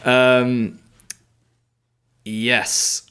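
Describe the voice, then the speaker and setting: A man's voice: mid-range voice, little pitch movement, very slow, a bit bright, smooth. A man hosting a podcast, casual and laid-back, swearing and laughing often. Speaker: podcast host. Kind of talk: casual chat.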